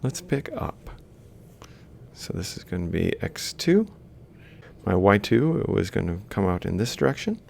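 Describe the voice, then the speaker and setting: A robotics lecturer with vocal fry and a darkish tone swings his pitch widely while keeping a measured pace. Drawing as he talks, he works an example in an informal lecture, thinking aloud and correcting himself step by step, against faint background noise and a low rumble.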